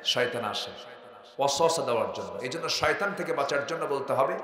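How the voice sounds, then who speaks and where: A man with a Bangladeshi Bengali accent preaching a sermon at a night gathering, throwing questions to the crowd and swinging from soft asides to loud shouts. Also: mid-range voice, lively intonation, fairly quick. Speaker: Islamic preacher. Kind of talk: open-air waz sermon. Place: outdoor religious gathering at night. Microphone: PA microphone. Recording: echoey PA sound in a large outdoor gathering.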